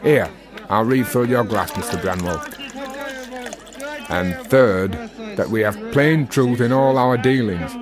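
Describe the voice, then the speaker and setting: A man voices an earnest, working-class Victorian Freemason for a radio drama, speaking in grand, old-fashioned, declamatory language. His delivery is slow with frequent pauses, and music runs under it.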